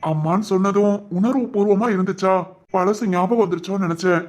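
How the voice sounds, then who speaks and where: A man playing a concerned village husband who speaks in a calm, matter-of-fact way. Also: high voice, a little fast, lightly acted.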